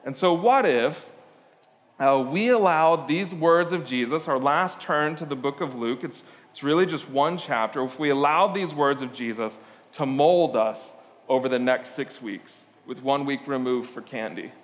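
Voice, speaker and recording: A man's voice: mid-range voice, measured pace, in a large hall. A man from Portugal preaching a sermon, talking in a conversational, storytelling way with frequent "uh" fillers and asides. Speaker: pastor.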